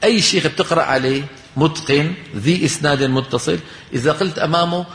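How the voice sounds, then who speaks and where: Teacher in a reverberant hall. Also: male voice, on the high side, fairly bright tone. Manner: asks questions and answers them himself; chants Quranic examples slowly. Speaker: Quran recitation teacher. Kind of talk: recitation lesson.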